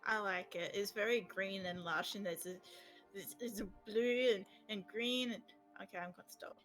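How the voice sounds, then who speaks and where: A woman playing a tabletop game, chatting in an excitable, playful way. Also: medium pitch, normal speed, soft background music. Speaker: player. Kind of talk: casual chat at a tabletop game.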